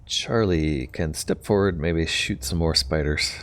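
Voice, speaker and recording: A man's voice: rumbling low, measured pace, fairly bright tone, slight background noise. A man giving casual gameplay commentary, thinking aloud tentatively as he plays. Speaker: gamer narrating own play.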